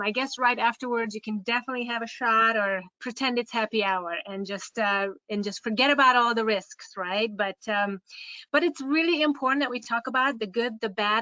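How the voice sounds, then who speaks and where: A Hungarian-accented woman, a care home administrator, gives a webinar presentation, hesitating with many fillers and restarts. Her voice is a little high, pushed, and bright with no echo, over dull, dry online call audio.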